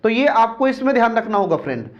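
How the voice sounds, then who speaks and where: High-voiced male teacher drilling points, dull recording. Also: big pitch swings. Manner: drills points by asking and answering his own questions; repeats key terms slowly and often. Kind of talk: exam-prep lecture.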